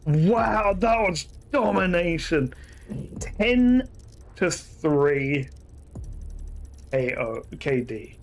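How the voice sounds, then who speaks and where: A man's voice: a little high, very slow, slight background noise. A man giving casual, rambling commentary while streaming a shooter game, often correcting himself mid-sentence. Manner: chatty, rambling, self-correcting asides.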